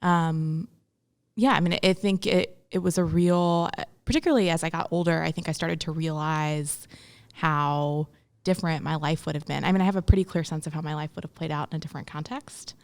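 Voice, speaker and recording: In a casual interview conversation, a young woman from Memphis, Tennessee, in the US speaks reflectively, often saying um and restarting her sentences. Her deep, gravelly voice runs a little fast with fairly even intonation.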